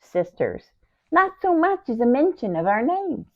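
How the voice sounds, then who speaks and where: A woman voices a devoted, grieving youngest sister in a dramatic first-person Bible monologue, fond and wistful in tone. She uses a high, full character voice with big pitch swings, theatrically and deliberately moving from hushed near-whispers to loud outcries, on a dull, lo-fi recording.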